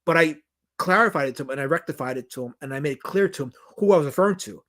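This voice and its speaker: Racing along in a higher-pitched, slightly bright voice, a New York documentary director reads viewer comments during a livestream. His answers ramble and hit hard, with frequent restarts and repetition.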